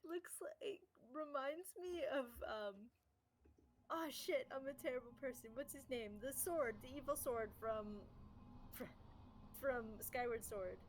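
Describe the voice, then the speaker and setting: A woman streamer reading a romance game aloud live, with animated, excitable reactions. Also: high voice, measured pace, slight background noise. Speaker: streamer reading a visual novel. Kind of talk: live game playthrough with narration. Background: game music.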